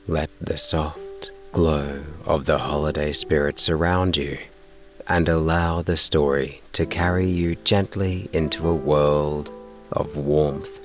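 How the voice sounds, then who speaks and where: A man narrating a bedtime sleep story in a soothing, unhurried, gently measured way. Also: extremely low pitch. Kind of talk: slow bedtime relaxation narration and story reading.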